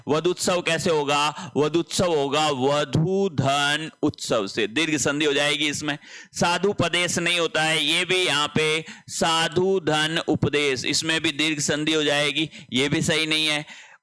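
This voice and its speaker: A man teaching Hindi grammar as he works through an exam paper, explaining each answer step by step and stressing key points slowly. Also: on the high side, steady tone, bright, forceful tone, smooth. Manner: explains step by step, often repeating "dhyan rakhen". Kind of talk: exam paper solution lesson.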